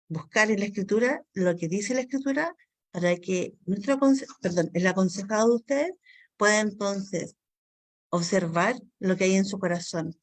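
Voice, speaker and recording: A woman from Chile with a Chilean accent, teaching a Bible counseling class in an earnest, apologetic way and acting out everyday dialogue as examples. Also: medium pitch. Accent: Chilean Spanish. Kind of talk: online course lesson.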